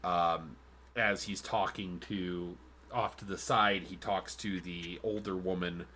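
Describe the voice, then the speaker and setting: Guy game-mastering on stream, bright voice, lots of ums, little hiss behind. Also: sits low, fairly even intonation, slow pace. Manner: rambling, many fillers and restarts. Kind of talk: narrating a tabletop game. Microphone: streaming mic.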